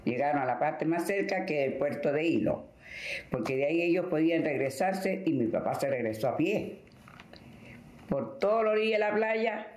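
A woman's voice: low-pitched, expressive, moderate pace, darkish tone. Older Peruvian-born woman, echoey room. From Peru. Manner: rambling, vivid storytelling. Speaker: interviewee. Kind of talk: oral history recollection.

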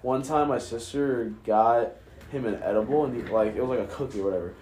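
Young frat bro, roomy echo. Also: male voice, medium pitch, a little fast, a little mellow, a little hiss or hum. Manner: frat-bro slang, heavy use of "like", profane. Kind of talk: casual storytelling. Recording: echoey room.

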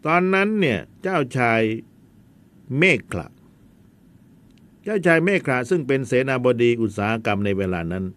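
Animated male history teacher. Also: medium pitch, moderate pace, long pauses. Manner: chatty, animated storytelling with asides. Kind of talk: casual history lesson.

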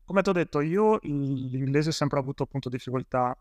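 A man's voice: mid-range voice, a little fast, a little mellow, no echo. A man from Italy, a police officer, telling his story as an interview guest in a rambling way with many fillers and restarts.

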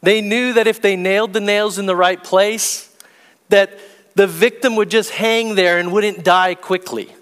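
Man preaching in a big hall, fairly high voice, reads scripture slow and heavy. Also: fairly even intonation, a bit bright. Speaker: pastor. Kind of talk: sermon. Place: church sanctuary.

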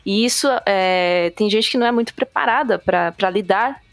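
A woman in a casual group chat, measured with dry humor. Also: mid-range voice, dry recording, faint music behind.

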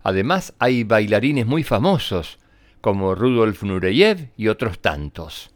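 A man's voice: on the low side, sing-song, a little slow, no room sound. A man voicing a stubborn, matter-of-fact young schoolboy in a children's story. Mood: argumentative. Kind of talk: storybook character reading.

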